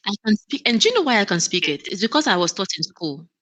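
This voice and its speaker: In this conversational interview, the guest is a woman who works as an operations manager. Her mid-range voice is very animated and a bit bright, and she talks fast, earnestly, with many restarts and easy laughter.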